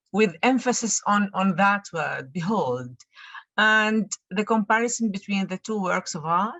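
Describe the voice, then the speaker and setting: A woman in the audience giving a comment on a video call, halting and repeating words as she speaks. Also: mid-range voice, fairly bright tone, no room sound, dull audio. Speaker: audience member.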